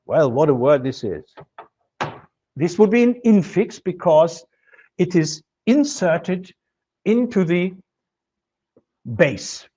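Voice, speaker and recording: In this recorded university lecture, a middle-aged linguistics teacher from Germany, whose first language is German, works through ideas methodically while writing on a board. He has a mellow voice that sits somewhat high for a man. The classroom has a projection screen, and the sound, picked up by a distant camera, is muffled and low quality.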